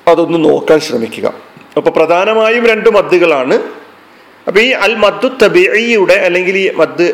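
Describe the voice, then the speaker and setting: A man's voice: high voice, animated, moderate pace, a bit bright, rough recording. A man teaching a Quran recitation class, explaining terms patiently and repeating them. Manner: fillers, restarts and hesitations. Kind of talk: classroom lesson.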